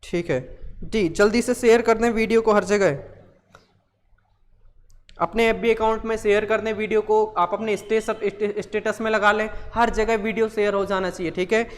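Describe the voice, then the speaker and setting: Teacher, live exam-prep lesson, asks and answers own questions, repeats key words, medium pitch, long reverb. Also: steady tone, moderate pace.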